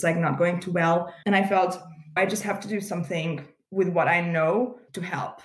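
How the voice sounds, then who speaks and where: A woman in her thirties from Hungary, a guest explaining at length in a relaxed, chatty way over a video call. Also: on the low side, echoey room. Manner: chatty, laughs easily, thoughtful explanations. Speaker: guest, community founder.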